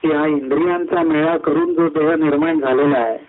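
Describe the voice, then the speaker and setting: A man giving a devotional discourse at a satsang, climbing high through lists of words and slowing down on key phrases. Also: fairly even intonation. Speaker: satsang speaker. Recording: tinny phone-like line.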